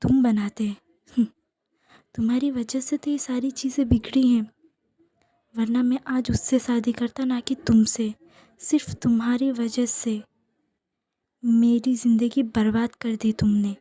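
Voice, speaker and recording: A woman's voice: on the high side, little pitch movement, a little slow, long pauses, mellow, no room sound. A woman voicing a cold, harsh young man who dismisses his new spouse, in a whispered role-play. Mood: bitter. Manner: curt and dismissive.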